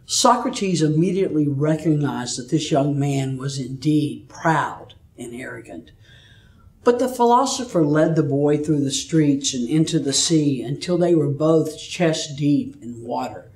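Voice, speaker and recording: A pastor delivers his sermon and reads scripture in a measured storytelling manner. His voice sits a little high. The sound echoes around the room, picked up from a distance. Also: darkish tone. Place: church.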